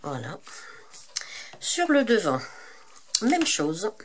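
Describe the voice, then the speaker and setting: Her mid-range voice swoops wildly in pitch and moves extremely slowly as this French-accented woman hosts a crafting tutorial over slight background noise. Congested from a cold, she talks casually and hesitantly, filling gaps and correcting herself often.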